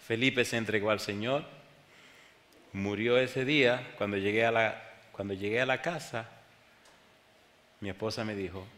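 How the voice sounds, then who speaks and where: A man preaching a sermon, telling a story with sudden shouts and hushed asides, speaking to his congregation. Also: on the low side. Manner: dramatic, swings from loud cries to hushed tones, addresses congregation. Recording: echoey hall with faint noise.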